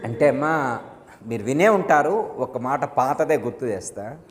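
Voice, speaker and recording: A man's voice: medium pitch, animated, a little slow. A man, a guru, giving a devotional discourse to his disciples, telling stories and asking his listeners questions. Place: ashram hall. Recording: long hall reverb.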